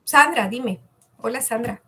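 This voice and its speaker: A woman's voice: a little high, a little slow, sharp tone. A woman giving an online communication masterclass, chatting and putting questions to her audience. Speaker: communication coach.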